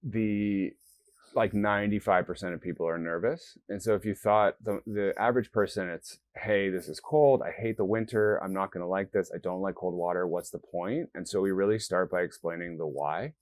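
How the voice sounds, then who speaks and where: A company founder, interviewed as a guest, speaks in a notably deep, low voice at a moderate pace. He explains earnestly and step by step, slipping into quoted self-talk, and the sound is close and dry with no room echo.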